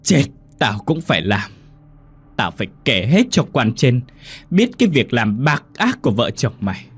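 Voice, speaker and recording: A man's voice: mid-range voice, very animated, normal speed, slightly rough. A man voicing a frail elderly mother who sobs and wails at her cruel son, in a ghost story. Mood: wailing. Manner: wailing, sobbing, quavering. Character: old mother Ngạc, frail grieving elderly woman.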